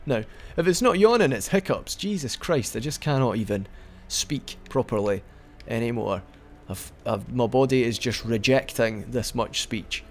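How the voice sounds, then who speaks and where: Playing a game, a young man offers chatty, rambling commentary, restarting frequently and hiccuping occasionally. His mid-range voice is expressive, moves at a moderate pace, and hardly pauses.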